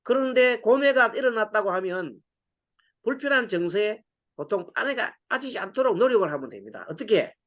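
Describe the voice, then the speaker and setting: Middle-aged monk guy preaching, high pitched and super animated, acts out bits of dialogue. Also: fairly quick. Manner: lively storytelling, acts out dialogue, laughs often. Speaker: Buddhist monk giving a Sunday lecture. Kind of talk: dharma talk with anecdotes.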